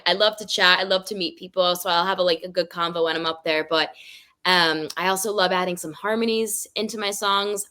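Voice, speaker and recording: A woman singer-songwriter as an interview guest over a video call, an animated storyteller who laughs often. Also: mid-range voice. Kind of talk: casual interview.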